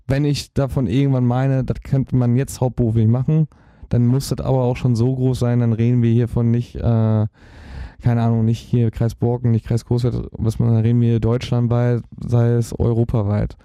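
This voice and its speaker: A man's voice: mid-range voice, flat delivery, moderate pace, warm tone, clean tone, no echo. A young man, a hobby DJ from Germany, chatting as a podcast guest, rambling and searching for words. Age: young adult. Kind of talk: casual podcast interview.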